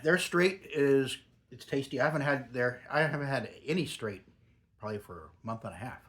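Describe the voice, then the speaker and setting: This grandfatherly product reviewer, middle-aged or older, speaks a little fast with medium pitch, lively intonation, and a fairly bright tone. He rambles casually in the manner of a home reviewer, all while talking with a lip full of dip.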